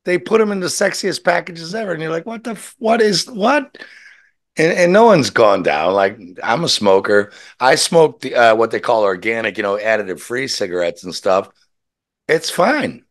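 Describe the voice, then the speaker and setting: A man's voice: mid-range voice, expressive, normal speed. A man chatting casually and telling rambling anecdotes with quoted dialogue and free swearing, talking while smoking a cigarette. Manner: rambling storyteller who swears freely and acts out quotes. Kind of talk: casual chat, animated anecdotes.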